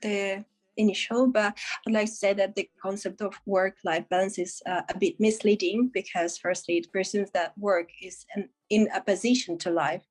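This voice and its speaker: A woman's voice: mid-range voice, steady tone, moderate pace. Young Russian-born woman, thoughtful. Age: young adult. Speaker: student panelist. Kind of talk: student podcast discussion.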